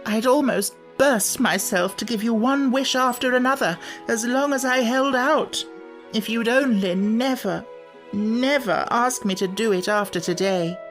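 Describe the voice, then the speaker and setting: A man voicing a cranky, put-upon little furry wish-granting creature from a storybook, with a shrill voice that cracks when worked up. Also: unhurried, a bit bright, faint music behind, heavily acted. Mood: tearful. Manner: indignant, complaining.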